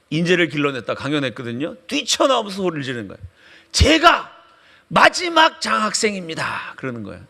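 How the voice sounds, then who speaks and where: A man's voice: on the high side, gravelly, fairly bright tone. A male pastor giving a storytelling sermon lecture, acting out anecdotes with quoted voices.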